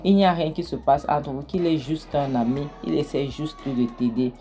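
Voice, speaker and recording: A woman's voice: sits low, normal speed, warm tone, faint music behind, close to an everyday voice. A woman voicing an upset young daughter pleading her innocence to her mother. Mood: insistent. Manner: pleading, emphatic denials.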